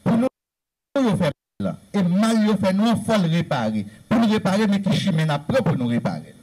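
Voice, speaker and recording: A man's voice: high-pitched, expressive, normal speed, a little mellow, rough recording. Earnest man with a Haitian Creole accent. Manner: earnest, repetitive, emphatic listing. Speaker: speaker on Haitian history. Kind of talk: lecture-style talk.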